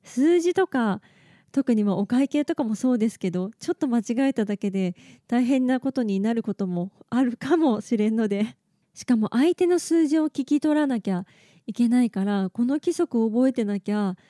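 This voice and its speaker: A woman's voice: fairly high pitch, expressive, normal speed, dark tone, no room sound, clean studio sound. A woman hosting a casual solo podcast, chatting and explaining things step by step with a slight lilt. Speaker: podcast host.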